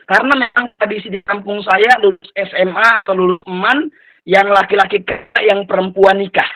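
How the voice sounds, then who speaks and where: A young man from Lampung, Indonesia, in his twenties, gives a heartfelt motivational talk, often repeating his phrases and weaving in religious blessings. His voice sits high and bright. The sound is close and dry, with no room around it. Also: steady tone, a little fast, no room sound, poor audio. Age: 20s. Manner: earnest, repetitive and religious, mixing in Islamic phrases. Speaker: motivational speaker. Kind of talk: motivational talk to an online community.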